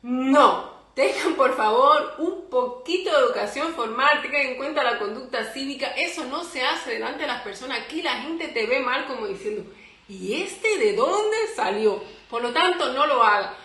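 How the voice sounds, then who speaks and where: A woman's voice: high-pitched, moderate pace, roomy sound. A young Cuban woman with a Cuban Spanish accent giving chatty advice in a vlog, acting out little scenes as she goes. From Cuba. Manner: chatty, animated, acts out little quoted scenes. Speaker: vlogger.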